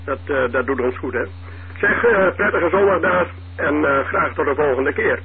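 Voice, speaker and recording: A man's voice: a little high, normal speed, a little hiss or hum. A man leads an amateur radio round over a two-way radio, friendly and hesitant with fillers. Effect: heard over a two-way radio. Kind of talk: casual on-air moderation. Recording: tinny radio channel.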